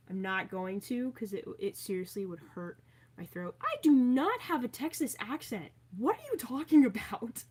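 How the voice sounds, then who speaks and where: Reading out viewer comments during a casual live stream, this Maryland woman keeps things chatty and playful, tossing in plenty of fillers and side remarks. She speaks at a medium pitch with a darkish tone.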